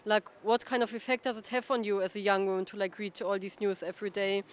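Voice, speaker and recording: A woman's voice: medium pitch, level tone, fast talker. A woman interviewing people outdoors on a city street, asking questions casually with many fillers.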